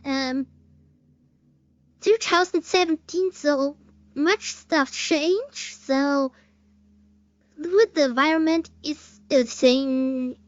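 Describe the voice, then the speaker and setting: A high-pitched woman with a German accent gives slow, unhurried reaction commentary on a stream. Her English is halting, with pauses to hunt for words and some offhand swearing. The sound is dry and dull, like a lo-fi stream mic with little room. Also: dry recording.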